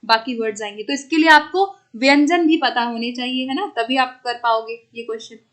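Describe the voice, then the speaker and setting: High-voiced woman teaching an exam class. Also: a little fast, fairly bright tone. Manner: explains step by step, checks on students with repeated questions; mixes English terms into her talk. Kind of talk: online exam-prep class.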